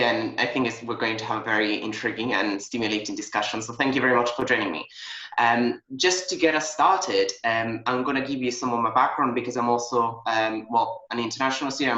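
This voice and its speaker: Man, young host, bright tense voice, roomy lo-fi call sound. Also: medium pitch, fairly even intonation, brisk. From Italy. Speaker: host, medical student. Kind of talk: hosting a video-call panel.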